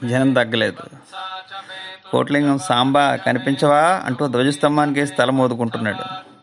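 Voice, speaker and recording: Brief: male storyteller, mid-pitched, measured and expressive, music bed under him. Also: creaky. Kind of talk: dramatic story reading.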